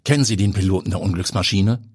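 A man's voice: deep voice, fast talker, husky, voice pushed up. A man voicing a weary chief police inspector who questions in a dry, official, sardonic way. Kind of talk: audiobook character voice.

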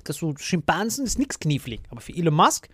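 A man with a Viennese accent jokes around in a casual podcast chat. His voice sits high and swings widely in pitch. He is recorded close and dry, with no room sound. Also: very animated, a little fast, a bit bright, slightly rough, no room sound. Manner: playful, absurd riffs, repeats words for comic effect. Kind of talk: casual banter.

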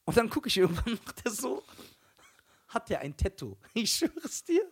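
A young man with a high-pitched voice tells a story in casual podcast chat. His pitch leaps around as he imitates people and laughs at his own punchlines. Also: normal speed, breathy edge. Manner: animated storytelling, mimics voices, laughs often. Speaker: podcast co-host.

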